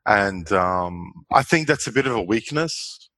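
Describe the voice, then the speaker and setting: An Australian man in his forties chats easily about his life as a guest in a casual interview, laughing often. His voice is fairly low, animated and sharp, with a slightly slow pace and no room sound.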